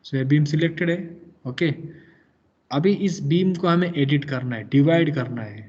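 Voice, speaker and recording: A male engineering lecturer walks students through software commands, switching between Hindi and English and pressing the class for answers. His voice sits a little high. The recording is dull and lo-fi. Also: normal speed. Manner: patient, mixes English into Hindi, quizzes students.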